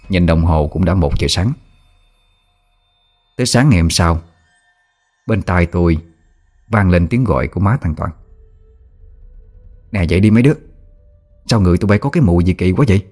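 A man narrating a first-person ghost story in a steady, measured way. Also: low-pitched. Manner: steady, measured telling that turns frantic in quoted outbursts. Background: faint music.

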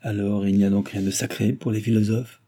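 A man's voice: on the low side, flat delivery, brisk, mellow, husky. A man voicing a proud, jilted young woman who speaks indignantly and pleads in a read-aloud novel.

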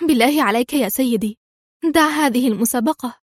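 A woman's voice: a little high, fairly quick, dry recording, close to an everyday voice. A woman reading the lines of a worried, devoted young woman who pleads anxiously, in a dry, close recording.

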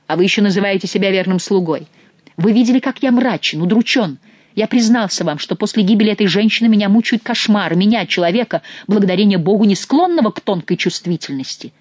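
A man reading an audiobook and voicing an imperious, hot-tempered young prince who accuses and shouts in a raised, loud voice. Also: sits high, dry recording, pitched above the performer's own voice, heavily acted. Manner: haughty, accusing, quick to shout.

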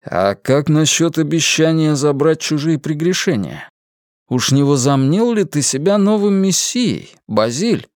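A man voicing a stern dark-haired inquisitor who speaks coldly and slowly. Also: a little high, very animated, no echo, clean studio sound, voice pushed up. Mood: cold menace. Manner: cold, stern, slow.

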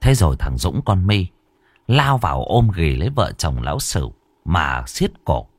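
A man narrating a horror story in a slow, dramatic, ominous manner. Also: low-pitched, very animated, slightly rough, no echo.

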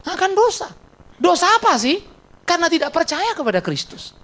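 A male pastor preaching a blunt, emphatic sermon in church. He fires rhetorical questions at the congregation, and his pitch swings sharply when he stresses a point. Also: very animated, normal speed, sharp tone.

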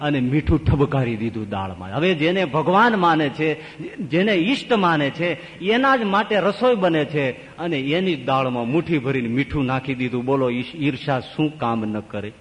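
A man, a swami, telling a story in a sermon, animated and swinging widely between high and low. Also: normal speed. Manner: animated, with wide pitch swings. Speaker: swami giving a religious discourse. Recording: long reverb of a large hall.

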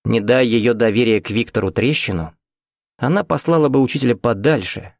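A man narrates a horror story in a measured, somber voice. His pitch sits in a mid range for a man. The recording is dry and close, with no room around it. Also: vocal fry, dry recording. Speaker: audiobook narrator.

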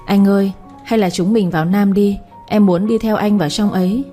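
A woman reading a cunning young village woman who wheedles and insists. Her tone is warm and mellow at a middle pitch, with faint music behind. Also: steady tone, moderate pace, lightly acted. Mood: wheedling. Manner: pouting, insistent.

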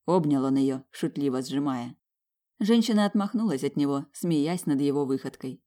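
An audiobook narrator reading a novel in an even storytelling manner. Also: medium pitch, normal speed.

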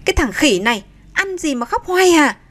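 Female narrator as an exhausted young mom, shrill and yelling, high-pitched. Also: animated, normal speed, close to an everyday voice. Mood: furious. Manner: yelling, scolding. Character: frazzled young mother, short-tempered and shrill.

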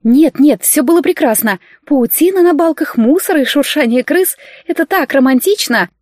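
A woman's voice: on the high side, animated, darkish tone, no room sound, clean studio sound, natural voice. A woman voicing a sarcastic young heroine. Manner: sarcastic, quick to snap back. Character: sharp-tongued young woman, heroine, in her late twenties.

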